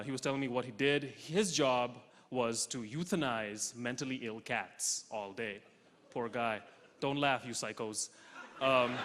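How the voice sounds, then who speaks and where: A young man from Russia doing a stand-up comedy set on stage, deadpan punchlines with sudden loud jumps. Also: mid-range voice. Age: young adult. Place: large theatre stage with audience. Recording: hall reverb, faint noise.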